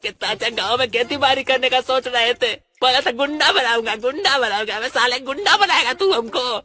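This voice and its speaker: Brief: man as a high, bright, whiny cartoon henchman, soft music under. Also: lively intonation, brisk, heavily acted. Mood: whining. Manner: whiny and rustic. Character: dim-witted male goon sidekick, complaining. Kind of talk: cartoon voice acting.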